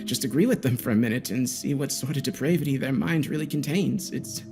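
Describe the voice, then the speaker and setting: Background music accompanies a man voicing a nervous young male gamer facing interrogation in a dramatic audio story, defensive, agitated, and self-justifying throughout. His mellow, mid-range voice stays close to everyday speech and runs a little fast.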